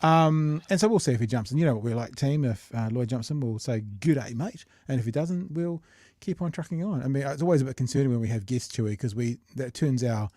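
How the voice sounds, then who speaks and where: A man's voice: mid-range voice, fast talker, mellow, no room sound, studio quality. A middle-aged man with a New Zealand accent hosting a casual podcast, chatting in a jokey, rambling, slangy way. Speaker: podcast host. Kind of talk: casual live chat show.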